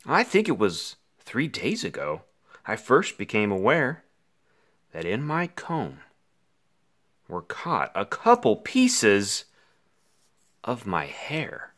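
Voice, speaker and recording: Taking on the role of a worried, melodramatic five-year-old boy recounting his troubles, a man performs a rhyming children's book. He reads slowly with dramatic pauses, his pitch jumping wildly in an extremely animated, theatrical style.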